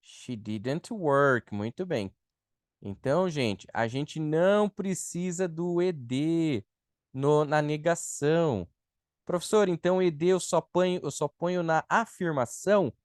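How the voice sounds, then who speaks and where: A Brazilian man teaches an online English class at an unhurried, deliberate pace. He explains patiently and answers students' chat questions one by one. The recording is dry, with no room sound. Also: a little high, a little mellow, clean tone, no echo. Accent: Brazilian Portuguese.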